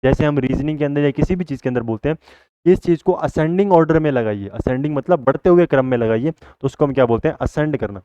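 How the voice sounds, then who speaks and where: A man's voice: on the high side, fast talker, dark tone, smooth, no echo, dull audio. A male teacher giving a vocabulary lesson. He keeps asking the class a question and then answering it himself.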